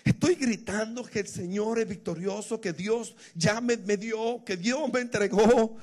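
High-pitched man preaching a fiery sermon. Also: a little slow. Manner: emotional, builds to shouting exclamations.

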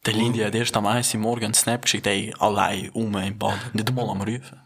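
Young Swiss German man, husky bright voice, slangy joker. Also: on the low side, little pitch movement, brisk. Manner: jokey, slangy storytelling. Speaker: podcast co-host. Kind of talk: casual chat among friends.

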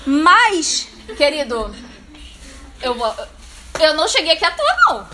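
A woman pastor preaches to a live audience at a church leadership meeting. She is lively and playful and speaks straight to her listeners. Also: high voice, measured pace, very noisy.

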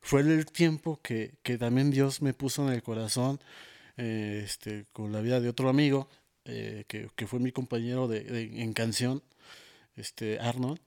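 Man, Mexican Spanish accent, interview guest, storytelling testimony, mid pitch. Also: fairly even intonation, measured pace, vocal fry, darkish tone. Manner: storytelling, quotes himself and others, many fillers. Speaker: interview guest, worship musician.

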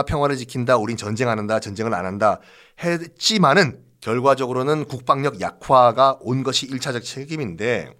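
With a mid-range voice and a fairly bright tone, a male history storyteller hosts his podcast, narrating the past conversationally. His style is animated, dramatic and jokey, leaning on emphatic repetition.

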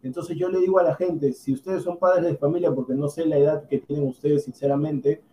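A man's voice: on the high side, steady tone, brisk, dark tone, a little hiss or hum, poor audio. A man with a Peruvian accent co-hosting a casual talk show, giving opinions emphatically and repeating himself.

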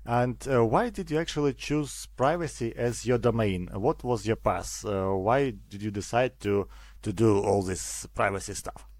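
A man hosting a podcast, introducing and questioning a guest in a hesitant way with frequent pauses and restarts. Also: fairly low pitch, darkish tone, no room sound. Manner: hesitant, many fillers and restarts. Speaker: podcast host. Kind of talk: interviewing a guest.

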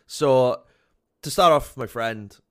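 A man's voice: medium pitch, slow pace. A young man with a South Welsh accent hosting a podcast, chatting in a casual interview style with lots of fillers and repeated words. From South Wales. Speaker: podcast host.

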